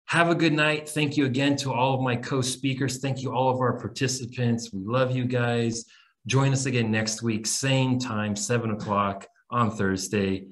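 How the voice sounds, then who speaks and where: Speaking from a small room on a video call, this webinar host and English teacher trainer, an American in his thirties, keeps things casual and upbeat and refers to the audience as "guys." His voice is mid-range and steady, delivered at normal speed.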